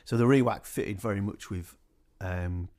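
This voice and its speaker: A man speaking as a guest in a radio interview, talking about his music organisation in a relaxed, rambling way with many fillers. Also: on the low side, a little slow.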